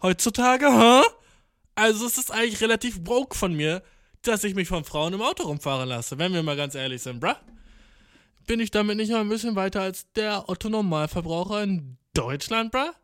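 A man's voice: sits high, animated, normal speed, fairly bright tone, smooth, dry recording, clean studio sound. A young man, rambling ironically in casual slang and mixing in English words. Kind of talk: casual monologue to camera.

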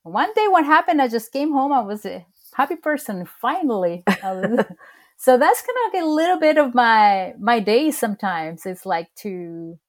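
Her voice sits a little high and swings widely in pitch, at a normal speed. Born in Chile with Spanish as her native tongue and a heavy Chilean accent, this interviewee is a chatty storyteller in an informal conversation, frequently laughing and backing up to restart.

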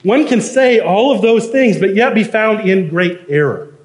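A man's voice: sits high, unhurried. A man preaching a sermon, earnest and emphatic, reading quotations aloud and building to firm points. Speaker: pastor.

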